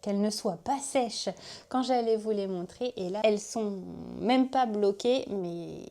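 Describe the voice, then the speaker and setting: A woman's voice: mid-range voice, a little slow, mellow. A woman hosting a knitting podcast, talking casually and chattily to her viewers, often laughing at herself. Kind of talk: casual chat to camera.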